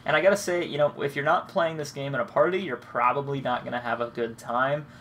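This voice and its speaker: Speaking quickly in a steady, medium-pitched voice with a bit of brightness, a young man with a cold rambles over his gameplay. He's relaxed, nasal from congestion, and swears freely. A faint hiss or hum sits under the recording.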